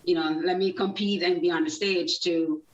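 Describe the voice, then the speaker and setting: Jamaica-born woman in her 30s, rambly and chatty, lowish voice, far off and echoey. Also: steady tone, normal speed. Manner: chatty, many fillers and restarts, laughs easily. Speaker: guest, nonprofit founder. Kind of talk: casual interview storytelling. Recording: distant, dull, roomy sound.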